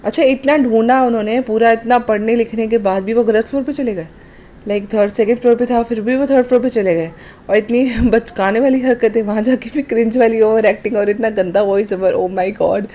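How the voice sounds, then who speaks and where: A woman's voice: mid-range voice, warm tone, slight background noise. A woman talking in a sarcastic, mocking commentary vlog, slipping English phrases into her speech. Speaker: commentary vlogger.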